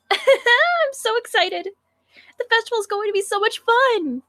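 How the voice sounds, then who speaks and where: Squeaky whiny sunshine schoolgirl, a woman doing the voice, super high and bouncy. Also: animated, slow, pushed and bright, dry recording, clean studio sound, exaggerated voice. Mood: excited. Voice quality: squeaky, sing-song, whiny. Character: bubbly clumsy cheerful teenage schoolgirl. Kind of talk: visual novel voice reading.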